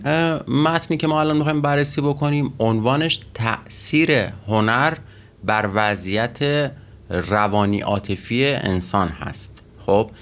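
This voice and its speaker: A man teaching Russian vocabulary and grammar in a methodical way, pausing often with fillers as he explains each word. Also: medium pitch, a bit bright. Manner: methodical, with frequent pauses and fillers.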